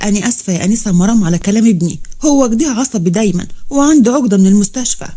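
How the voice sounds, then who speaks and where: A woman's voice: mid-range voice, expressive, very fast, dark tone, close to an everyday voice. A woman voicing a worried, gracious middle-aged mother who speaks earnestly, with an Egyptian accent. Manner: earnest and pleading.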